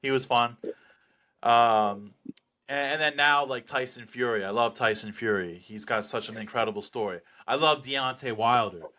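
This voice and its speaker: A professional slap fighter gives a casual interview in a bright, punchy voice of average pitch at a moderate pace. Full of cocky bravado and swearing freely, he sounds like he's hyping his next bout.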